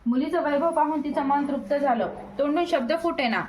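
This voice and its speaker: High-voiced woman reading a devotional tale. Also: brisk, a little mellow, roomy sound, slight background noise, poor audio. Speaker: storyteller.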